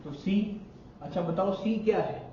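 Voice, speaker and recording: A man with a fairly high voice teaches a live classroom lesson and keeps asking the class to answer back. He sounds distant and boomy in a very echoey room, the audio a little muffled, with the students audible around him. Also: unhurried, very noisy. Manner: questioning, prompting students to repeat. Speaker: spoken English teacher.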